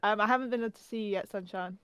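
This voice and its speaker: A young woman from England with a softened Norfolk accent, co-hosting a casual podcast chat and rambling with lots of fillers. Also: mid-range voice, very fast. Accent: English, softened Norfolk. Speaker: podcast co-host.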